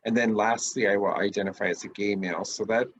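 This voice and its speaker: A man from northeast South Dakota speaks as a panel guest. His voice is husky and fairly low, and he talks in an earnest, deliberate way. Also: steady tone, poor audio. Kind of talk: panel discussion.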